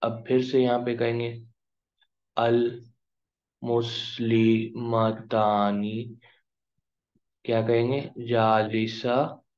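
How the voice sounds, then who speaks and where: A male teacher explaining grammar in a classroom lesson, drawing out each example word slowly. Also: mid-range voice, monotone, mellow. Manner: slow, drawn-out pronunciation of example words. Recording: dull lo-fi recording.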